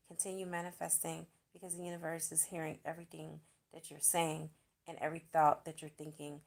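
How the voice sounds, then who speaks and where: A woman's voice: on the low side, creaky, a little mellow. A woman vlogger chatting to her viewers in a gushing, spiritual way. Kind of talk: casual storytelling to viewers.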